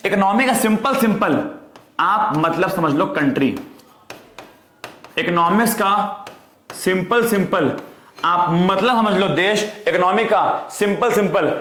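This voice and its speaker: High-voiced man drilling students in class. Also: takes it slowly, fairly bright tone. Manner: repetitive call-and-response drilling, addresses students as "beta". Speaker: economics teacher. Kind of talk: online class lecture. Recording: echoey room.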